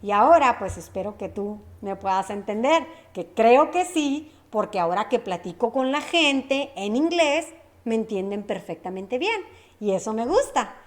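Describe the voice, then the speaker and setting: A woman's voice: a little high, expressive, moderate pace. A woman teaching a lesson, running repeat-after-me drills and checking in with short questions. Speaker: Spanish teacher.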